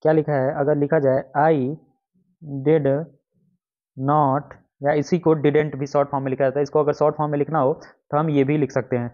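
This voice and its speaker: A man's voice: fairly high pitch, level tone, normal speed. A man teaching an exam-prep grammar lesson, explaining step by step and repeating his own questions as he writes out the examples. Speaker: English teacher. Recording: dull lo-fi lesson recording.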